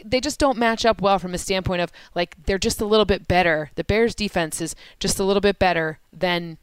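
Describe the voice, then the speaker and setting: A woman co-hosting a casual football chat, running through stats quickly, correcting herself mid-sentence and laughing easily. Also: medium pitch, smooth, no room sound. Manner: rapid stat-heavy analysis, laughs easily, self-corrects. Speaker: sports podcast co-host and analyst. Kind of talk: casual sports analysis chat.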